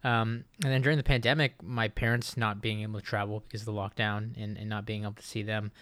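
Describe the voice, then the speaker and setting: A man's voice: lowish voice, level tone, fast talker, fairly bright tone, clear, resonant tone, no echo. A man in his late twenties from Japan, hosting a casual solo podcast and rambling with lots of fillers and restarts. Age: late 20s. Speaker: podcast host.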